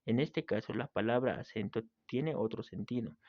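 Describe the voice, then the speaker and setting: Male teacher, steady read-aloud grammar lesson, close dry mic, slightly dull sound, mid-pitched. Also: moderate pace, no echo. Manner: reads steadily from a text, with small slips and restarts.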